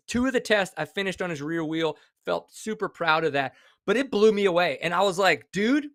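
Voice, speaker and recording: A man in his forties, a podcast co-host, talking in an excitable, animated casual chat. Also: sits high, dry recording, studio quality. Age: 40s.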